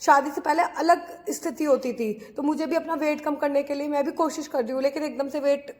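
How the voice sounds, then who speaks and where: Young woman, high voice, earnest casual vlog talk, from india, fillers and restarts. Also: fairly even intonation, brisk, a little mellow. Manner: earnest, talks straight to viewers, many fillers and restarts. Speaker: vlogger studying for a teaching exam.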